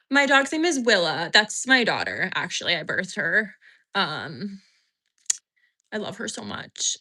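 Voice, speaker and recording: Woman chatting on her home livestream, bright voice, rambling, thanks viewers for super chats. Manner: baby talk to her dog in a high voice. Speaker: host of a livestream show. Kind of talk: casual livestream chat with viewers.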